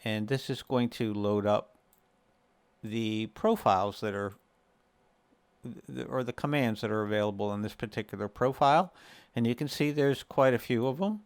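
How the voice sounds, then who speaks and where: A gaming video host with a medium-pitched voice speaks at normal speed in a dry recording. He walks through a casual screen-share tutorial step by step, keeping the explanation relaxed and conversational.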